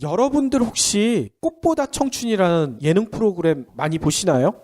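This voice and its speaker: Congested with a head cold, the same sort of nasal-voiced man hosts an economics podcast conversationally, asking and answering his own questions. His voice is high with big pitch swings and a darkish tone, at moderate speed, with faint music in the background.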